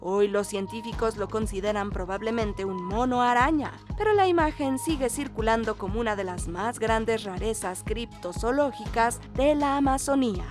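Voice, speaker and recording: A woman narrates a countdown in nature documentary style from a script. Her voice sits fairly high. Music plays softly underneath her. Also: moderate pace, few pauses.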